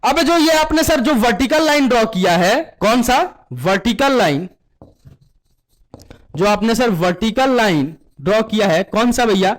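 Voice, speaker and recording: Expressive and a little slow, a man with a very high voice leads a classroom math lesson. His Indian Hindi is mixed with English terms, and he repeats his question over and over, answers it on his own, and calls the kids "beta" in call-and-response fashion.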